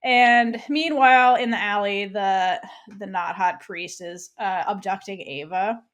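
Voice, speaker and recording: As a podcast co-host, this woman recaps a TV episode in casual chat, acting out the characters' lines as she retells it. Her voice is medium in pitch, unhurried, and a bit bright.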